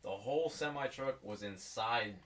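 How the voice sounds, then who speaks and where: A man's voice: medium pitch, normal speed, recorded from a distance, over a noisy crowd. A man chatting casually as a podcast co-host in a frat-bro way, peppering his talk with bro, dude and swearing. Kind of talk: casual chat.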